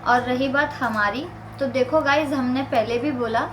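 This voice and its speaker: High-voiced earnest woman vlogger. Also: moderate pace, fairly bright tone, a little hiss or hum, rough recording. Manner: earnest, insistent explanations. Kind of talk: casual talk to camera.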